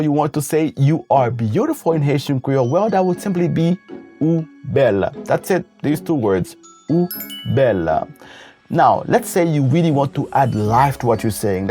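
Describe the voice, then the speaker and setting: A man's voice: a little high, lively intonation, moderate pace, mellow, faint music behind. A man teaching a language lesson, patiently walking through examples one at a time and repeating them. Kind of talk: instructional explanation.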